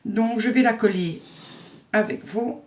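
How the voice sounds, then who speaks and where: A woman with a chatty, homely manner walks viewers through a craft project step by step. She narrates while her hands are busy, fills pauses with small fillers, and jokes about herself along the way. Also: mid-range voice, a little mellow. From Belgium. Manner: self-mocking humor. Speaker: craft tutorial host. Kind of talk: casual step-by-step craft tutorial.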